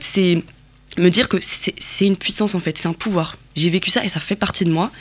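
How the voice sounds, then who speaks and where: A woman from Algeria speaks as an interview guest. She talks in a reflective way, pausing and rephrasing often as she works out her thoughts. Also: on the low side. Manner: thoughtful, many fillers and restarts.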